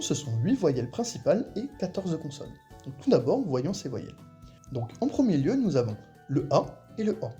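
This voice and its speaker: Language teacher for a beginner lesson, animated pitch, patient and clear, over faint music. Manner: patient, repeats sounds slowly for the listener to copy.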